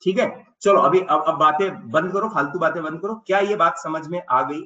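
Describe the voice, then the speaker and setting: A man lectures on chemistry, turning electrons into squabbling characters and scolding his class. His voice sits high and bright. The sound is roomy, distant and dull. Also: normal speed. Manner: dramatizes electrons as quarreling characters, scolding asides. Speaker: chemistry teacher.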